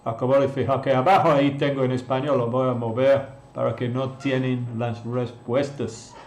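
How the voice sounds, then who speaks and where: A man's voice: mid-range voice, flat delivery, normal speed, a little mellow, a little hiss or hum. A man teaching an English lesson in a live stream, patiently repeating words and answering viewers in a chat. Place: room in Mexico. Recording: echoey room.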